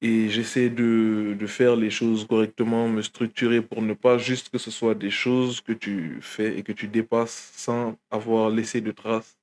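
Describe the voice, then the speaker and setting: A man's voice: on the low side, flat delivery, measured pace, few pauses, darkish tone. A young man from Guinea, a rapper, talking casually in an interview with many fillers and restarts. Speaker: rapper guest.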